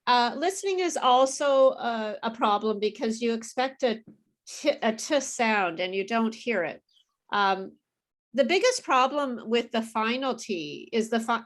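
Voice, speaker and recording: Friendly woman teaching English pronunciation. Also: fairly high pitch. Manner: friendly, explains slowly and checks understanding with okay. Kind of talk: live online group class.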